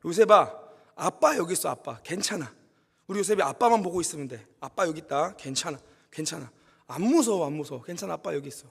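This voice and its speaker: A man voicing a gentle father who softly calms his frightened young son, speaking low and soothing. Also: fast talker, vocal fry, husky, long reverb tail, full character voice. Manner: soft, soothing, hushed.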